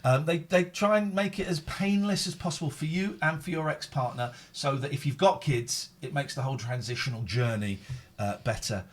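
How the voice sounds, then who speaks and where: A man's voice: medium pitch, normal speed. A man with a British accent hosting a live phone-in show in casual, rambling chat, often repeating his phrases.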